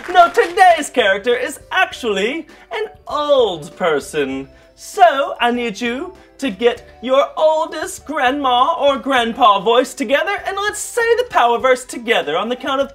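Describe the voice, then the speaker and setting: A woman's voice: high-pitched, fairly bright tone, heavily acted. A woman playing a self-important stage actor who presents a children's church lesson in a theatrical, pompous manner. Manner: theatrical, pompous, grand flourishes. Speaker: kids' church segment presenter.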